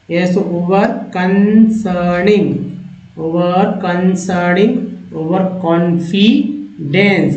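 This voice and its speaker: Male tutor from India, slow drilled delivery, lo-fi echoey recording. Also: high-pitched, a little mellow. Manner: repeats each word slowly, spells out letters. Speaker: English teacher. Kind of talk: slow word-by-word vocabulary lesson. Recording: echoey lo-fi room.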